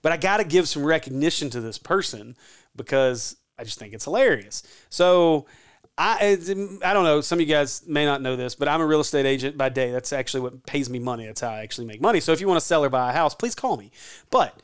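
A man hosts a casual sports podcast, talking in a rambling, chatty way. His voice is smooth and clear and sits a little high for a man. He laughs easily between points. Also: fast. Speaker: podcast host.

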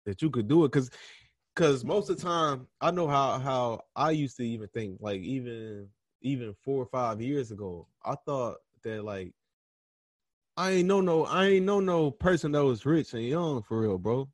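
A young man talks in an easygoing, slangy way, stopping and restarting as he works out his answers. His voice sits at an ordinary middle pitch. The sound is close and dry, with no room around it. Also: normal speed, no echo. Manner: relaxed, slangy, thinking aloud with many restarts. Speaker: podcast host being interviewed. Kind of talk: casual interview conversation.

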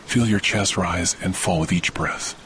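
A meditation podcast host guides listeners toward sleep, speaking slowly, soothingly and in a measured way with long pauses. Steady rain and rumbling thunder run through the whole recording.

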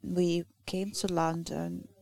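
A woman from Lithuania with a Lithuanian accent, a native Lithuanian speaker giving a halting church talk that searches for words. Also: lowish voice, little pitch movement, gravelly, mellow. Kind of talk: sermon.

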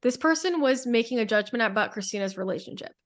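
A woman's voice: fairly high pitch, animated, fast talker. A woman in a casual spiritual podcast conversation, telling a long story in a rambling way with many restarts.

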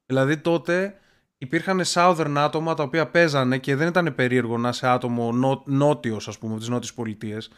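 A man's voice: mid-range voice, fairly even intonation, clear, resonant tone. A young man co-hosting a podcast, confidently explaining at length in casual chat. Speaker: podcast co-host.

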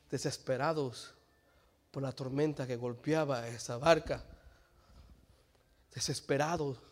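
A male pastor preaching a sermon, swinging between low quiet passages and shouted climaxes, acting out quoted dialogue, with frequent restarts on words. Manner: stumbles and restarts on words, switches briefly to English.

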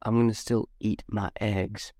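A man co-hosting a casual podcast, talking in a rambling way with halting restarts. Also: lowish voice, flat delivery, dark tone, dry recording. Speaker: podcast co-host.

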